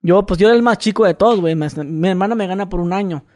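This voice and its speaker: High, fast-talking Mexican man telling stories. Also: a little mellow. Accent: Mexican Spanish. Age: 30s. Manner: rambling, repeats words, acts out quoted voices. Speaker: podcast co-host. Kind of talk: casual storytelling chat.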